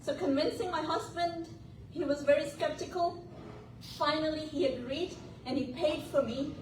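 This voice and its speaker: A woman's voice: high-pitched, normal speed, a little mellow, slight background noise. A woman giving an earnest, persuasive testimonial to a group. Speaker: business meetup attendee giving a testimonial. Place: indoor meetup room. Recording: echoey room, mic at a distance.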